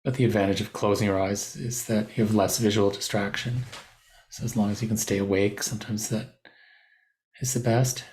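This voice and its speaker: In this guided body scan, a male teacher offers unhurried, gentle directions, pausing in the middle of phrases. His voice sits on the low side with fairly even intonation.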